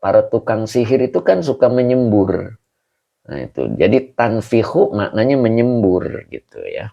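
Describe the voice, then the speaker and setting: A man teaching an online Quran commentary class, explaining slowly and patiently and often chuckling. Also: lowish voice, sing-song, creaky, muffled recording. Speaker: Islamic teacher.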